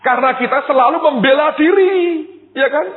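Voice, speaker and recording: A male pastor preaching a sermon, telling a personal story with lively quoted voices and addressing the congregation directly. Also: extremely high pitch, normal speed. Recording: tinny phone-like sound with long hall reverb.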